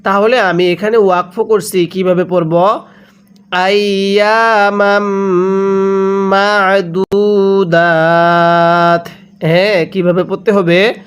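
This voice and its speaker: A man teaching Quran recitation step by step, chanting each word slowly and asking the listener questions he then answers. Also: sits high, fairly even intonation. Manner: drawn-out chanted recitation between brisk explanations.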